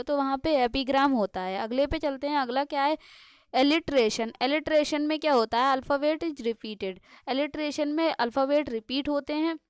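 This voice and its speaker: An Indian woman teaching an exam-prep lesson, explaining in Hindi and reading English examples out slowly. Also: high-pitched, dry recording, clean studio sound.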